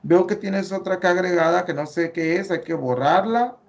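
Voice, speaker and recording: A man's voice: high-pitched, normal speed, gravelly, lo-fi sound, slight background noise. A man with a Mexican Spanish accent, teaching an online class and going over student work step by step, with many fillers. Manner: explains step by step, corrects patiently, many fillers.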